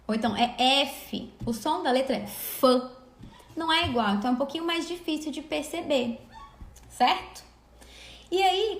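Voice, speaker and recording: A woman teaching literacy in a live online lesson, explaining patiently and sounding words out slowly syllable by syllable. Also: high-pitched. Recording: echoey room.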